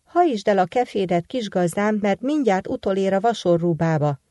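A woman's voice: medium pitch, expressive, mellow, no echo, studio quality, close to an everyday voice. A woman voicing a loyal magic talking horse from a folk tale who urgently warns his young master. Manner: urgent warning.

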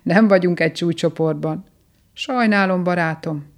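A woman voicing a grumpy, proud old male mole in a storybook reading, loud and easily offended, with a ringing, brassy voice. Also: on the low side, lightly acted. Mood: jovial. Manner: loud, touchy and boastful.

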